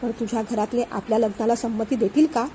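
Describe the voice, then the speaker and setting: Aarohi is an anxious young woman in love, guilt pressing on her, speaking softly and pleadingly in a storybook, as a woman narrator reads her. She sounds high and mellow, slightly lower and quieter than the narration. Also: flat delivery, fast, a little hiss or hum, close to an everyday voice, low-quality recording. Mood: anxious, tender.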